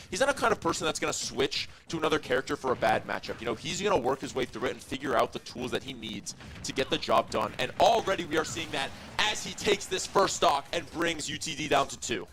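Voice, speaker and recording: A young man giving fast, analytical play-by-play commentary on an esports match, shouting on big plays. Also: on the high side, animated, a little hiss or hum.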